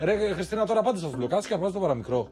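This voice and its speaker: A man's voice: sits high, expressive. A man on a reality show, defending himself insistently in a heated argument and cutting in often. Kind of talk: heated argument and confessional talk.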